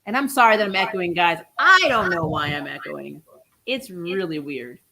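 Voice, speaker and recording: A woman's voice: fairly low pitch, animated, moderate pace, vocal fry, a crowd in the background. A woman hosting a live stream in a casual, chatty way, her voice echoing through her desk microphone. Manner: chatty, laughs often, trails off in asides. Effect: echo on her voice from the mic. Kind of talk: casual fan chat about comics shows. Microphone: desk microphone near webcam speakers.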